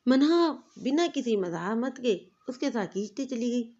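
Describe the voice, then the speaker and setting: A woman's voice: on the high side, animated, darkish tone, dull audio. Woman narrating a romance novel.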